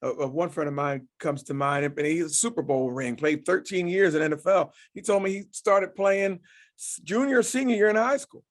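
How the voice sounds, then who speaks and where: Higher-voiced male host full of yeahs. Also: moderate pace. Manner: affirming, backchannels with frequent "yeah". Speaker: podcast host. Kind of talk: casual interview chat.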